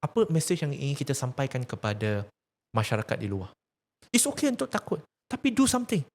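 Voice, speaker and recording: Speaking briskly with huge swings in his medium pitch, a man with a Malaysian accent preaches about faith. The religious activist is emphatic and earnest, firing off rhetorical questions and sharing a story meant to teach.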